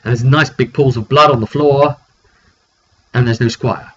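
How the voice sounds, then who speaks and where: Speaking at normal speed with a medium pitch and steady tone, this British man casually tells the story of a tabletop roleplay session he ran as game master. He rambles in a chatty way and voices what the players said, over a dull lo-fi mic carrying faint noise.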